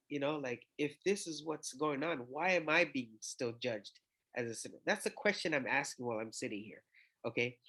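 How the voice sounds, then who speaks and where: A man's voice: mid-range voice, bright, forceful tone. A man casually walking through his memory tricks, rambling and thinking aloud with fillers and self-corrections. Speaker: scripture memorization teacher. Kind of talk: casual explanatory walkthrough.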